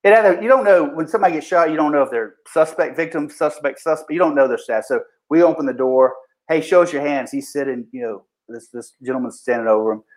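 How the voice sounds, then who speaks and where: A man's voice: on the high side, fast, hardly any pauses, low-quality recording. A man who is a police officer, telling a story in a casual, blunt way full of swearing and restarted sentences. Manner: acts out what people said in raised voices. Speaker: police officer recounting a shooting.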